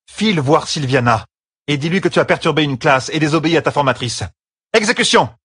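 A man voicing a wrathful woman of a religious order who barks sharp orders. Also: on the high side, lively intonation, fairly quick, slightly rough, dry recording, clean studio sound, voice pushed up. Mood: angry. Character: wrathful stern woman of an order, cold fury.

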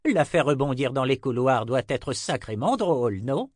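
A gentle old wizard speaks with warm, teasing patience in a storybook reading, as a male narrator puts him on. His lines come slow and a little raised, friendly rather than grand. The sound is close and dry. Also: mid-range voice, sing-song, dry recording, voice pushed up. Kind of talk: audiobook character reading.

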